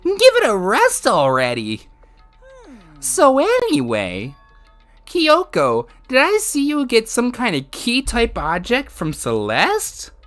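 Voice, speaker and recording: A man's voice: extremely high pitch, wildly swooping pitch, fairly bright tone, soft background music, voice pushed up, heavily acted. A man voicing a sly, gleefully cruel male bear mascot villain in a video game, with a somewhat sick voice. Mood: irritated. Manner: slow, singsong, mock-sorrowful taunting.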